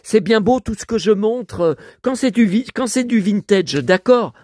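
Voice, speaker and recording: A hoarse man talking to his viewers at home, showing off his finds as a collector. He rambles, grumbles, swears often and keeps addressing the audience. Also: high-pitched, animated, moderate pace, darkish tone, no echo, studio quality. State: hoarse, voice worn out. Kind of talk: rambling vlog talk to viewers.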